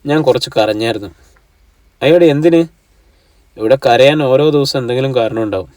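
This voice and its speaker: A man's voice: mid-range voice, moderate pace, darkish tone, no echo, far from the mic, lightly acted. Brief: narrator doing a hurt young woman, subdued and plain, dry sound, mic set back.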